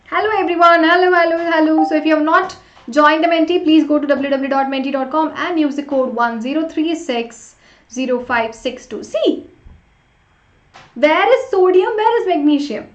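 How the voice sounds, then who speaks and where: Speaking at normal speed in a high voice, a woman leads a live, interactive online lesson, talking with her students and spurring them with brief prompts she keeps repeating. There's a roomy echo and a somewhat dull quality to the audio.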